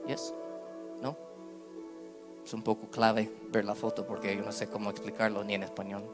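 A man in his thirties preaching a sermon as pastor, slipping English words into his Spanish and swinging between loud bursts and hushed asides. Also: on the low side, level tone, moderate pace, music in the background.

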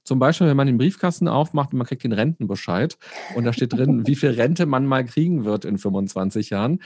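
Calm man explaining in a dry podcast recording. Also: medium pitch, fairly quick, breathy edge, dry recording. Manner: explains calmly, acts out imagined inner voices. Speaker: guest, resilience expert. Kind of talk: conversational podcast interview.

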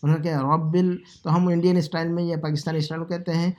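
A man from South Asia teaching Arabic phrases, explaining in a conversational lesson and repeating words slowly to drill pronunciation. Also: on the high side, level tone, darkish tone, lo-fi sound. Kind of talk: language lesson, Urdu explanation.

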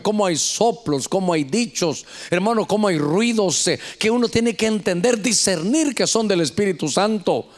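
A man preaching a sermon as pastor, animated and calling the congregation to repeat after him. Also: sits high. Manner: animated preaching with call-and-response.

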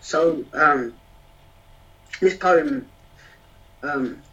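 High-voiced man performing rhyming spoken word. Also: drawn-out words, bright, forceful tone. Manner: rhythmic rhyming delivery, hesitant with fillers between poems. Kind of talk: spoken-word poetry performance and casual chat. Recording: distant, dull lo-fi sound.

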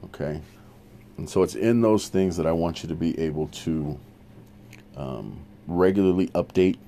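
Very deep, mellow-voiced man teaching. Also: slight background noise. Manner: conversational, with frequent "um" and restarts; earnest, practical advice-giving. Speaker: recovery podcast host. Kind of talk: informal teaching monologue.

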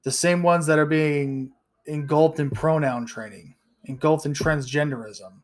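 A man in his thirties hosts a solo podcast in a blunt, profane rant. His voice sits slightly high for a man, and he often restarts his sentences as he pushes his points. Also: a little slow. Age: 30s. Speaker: podcast host. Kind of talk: ranting solo podcast commentary.

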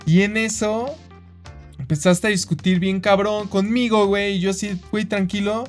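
A man with a Mexican accent co-hosting a podcast, telling a story in animated, slang-heavy casual chat. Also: high voice, moderate pace, soft background music. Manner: animated storyteller, acts out quoted voices, slangy, says güey constantly. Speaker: podcast co-host.

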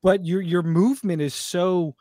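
Young guy on a podcast, kinda high voice, dry sound, eager. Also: fairly even intonation, moderate pace, mellow, no echo. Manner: enthusiastic, asks questions. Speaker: podcast co-host. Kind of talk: casual chat.

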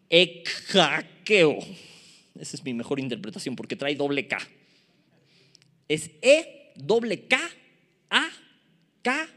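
Preaching a sermon in a Mexican Spanish accent, this man poses rhetorical questions to the congregation in a casual, self-deprecating manner. His voice is high and a bit bright.

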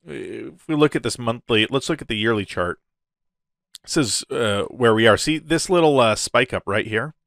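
Hyped crypto bro man, low-pitched voice. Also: fairly bright tone, dry recording, clean studio sound. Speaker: crypto video host. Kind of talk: casual crypto update commentary.

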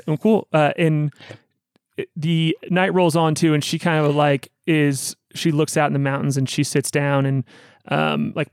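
Man, game master, halting with fillers, smooth resonant voice, dry close sound. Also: medium pitch, a little mellow, dry recording. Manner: halting, many fillers and restarts. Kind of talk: narrating a tabletop game.

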